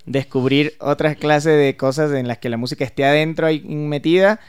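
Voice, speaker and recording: A man's voice: fairly high pitch, moderate pace, clear, resonant tone. A man who is a music therapist, explaining ideas in a casual podcast interview, thinking aloud with small hesitations.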